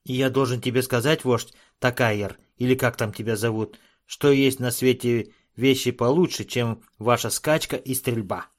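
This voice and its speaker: A man voicing a whining little male dwarf gun trader who trembles with cold and talks in a shrill, bleating way, in an audiobook. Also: steady tone, normal speed, lightly acted. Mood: whining, complaining. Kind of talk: audiobook character voice.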